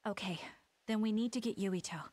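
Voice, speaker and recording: A woman's voice: mid-range voice, a little fast, darkish tone, lightly acted. A woman playing a serious, dutiful young female fighter in an anime game, earnest and restrained. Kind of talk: anime video game dub acting.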